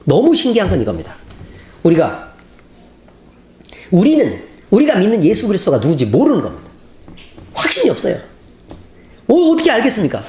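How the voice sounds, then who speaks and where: Lively preaching man, echoey sanctuary. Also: sits high, brisk, pauses often. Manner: animated storytelling, acting out scenes. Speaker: pastor. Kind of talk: sermon. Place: church sanctuary. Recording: roomy church hall, faint noise.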